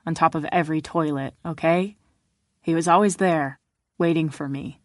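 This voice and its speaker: A woman's voice: low voice, normal speed, no echo, clean studio sound, close to an everyday voice. A woman narrator voicing Jennifer, a guarded, wry young woman who talks in a subdued way. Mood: brooding.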